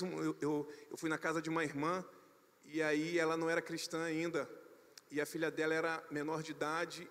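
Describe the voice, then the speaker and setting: Brazilian pastor guy, high voice, preaching w/ bursts of loud emphasis, long church reverb. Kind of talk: sermon. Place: church service.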